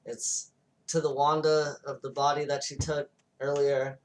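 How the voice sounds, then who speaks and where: A man's voice: fairly high pitch, level tone, a little slow, distant mic, a little hiss or hum. A man co-hosting a podcast, retelling a movie plot in casual, profane chat. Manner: loose, profane retelling with acted-out quotes. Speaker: podcast co-host.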